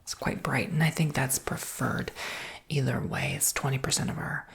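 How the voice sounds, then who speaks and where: Her bass voice holds a steady tone at a moderate pace as she whispers, breathy and faintly creaky. It's an ASMR roleplay, a woman offering relaxed, comforting sales talk.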